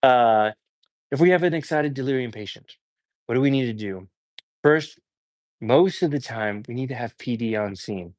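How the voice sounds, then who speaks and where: A man's voice: medium pitch, animated, moderate pace, pauses often, darkish tone, no echo. Casual, filler-heavy male paramedic instructor. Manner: casual storytelling with many fillers. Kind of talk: live-streamed emergency skills lesson.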